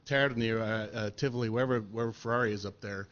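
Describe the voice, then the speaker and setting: A man's voice: medium pitch, fast, fairly bright tone, lo-fi sound. A middle-aged man telling stories in a casual podcast chat, laid-back and profane, with lots of fillers. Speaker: podcast interviewee.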